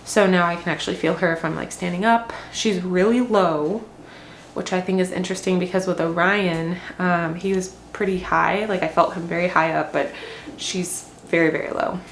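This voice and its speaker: Young woman vlogger, low-pitched, rambling chatty delivery with fillers, slightly breathless, echoey home room with faint ambience. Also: fairly even intonation, normal speed, a little hiss or hum. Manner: chatty, rambling, many ums and likes. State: short of breath. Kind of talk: casual pregnancy update.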